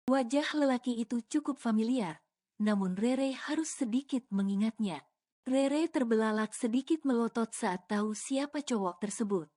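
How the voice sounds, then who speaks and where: A woman narrating a romance audio novel in an even storytelling way, with casual colloquial asides. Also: on the high side, normal speed.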